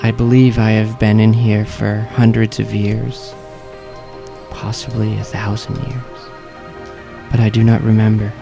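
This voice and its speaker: A man's voice: on the low side, completely flat delivery, unhurried, creaky, music in the background. A man voicing a tiny, ancient female moon elf spirit in a small, wispy, wistful pixie-like manner. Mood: forlorn.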